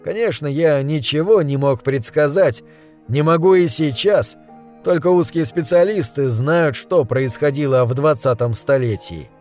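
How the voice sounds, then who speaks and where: A man narrating an audiobook in a steady, descriptive storytelling manner. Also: on the high side, unhurried, faint music behind. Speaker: reader.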